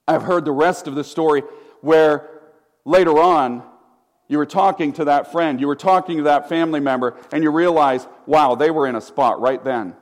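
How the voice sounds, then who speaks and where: A middle-aged man preaching a sermon as pastor, telling the story with animation and acting out the voices of the people in it. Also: a little high. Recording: hall reverb.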